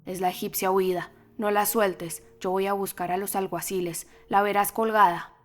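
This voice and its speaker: A woman's voice: mid-range voice, level tone, normal speed, soft background music, natural voice. A woman voicing a menacing, vengeful male priest with a harsh, commanding delivery in an audiobook.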